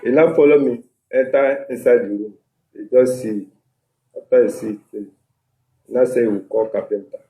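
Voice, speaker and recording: A man's voice: medium pitch, normal speed, dark tone, soft background music. A man with a Nigerian accent speaks Nigerian Pidgin mixed with English, giving a step-by-step complaint as a tenant into a handheld microphone. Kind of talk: step-by-step account of a grievance. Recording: echoey room, handheld microphone.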